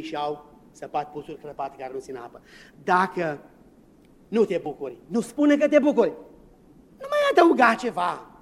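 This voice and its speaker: Brief: male pastor, high-pitched, lively sermon delivery with loud and hushed swings. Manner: animated preaching, acts out quoted voices, swings between loud and hushed.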